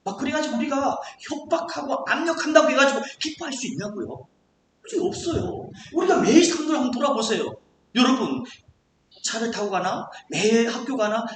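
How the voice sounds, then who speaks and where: A pastor preaching a sermon in a church, animated and acting out the voices of the people in the stories. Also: high-pitched, a little fast, heavy reverb, a little hiss or hum. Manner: animated, acts out quoted voices.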